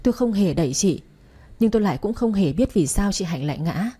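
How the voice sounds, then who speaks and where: A woman narrating a story with a steady, measured reading. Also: medium pitch, slightly rough. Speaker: audiobook narrator.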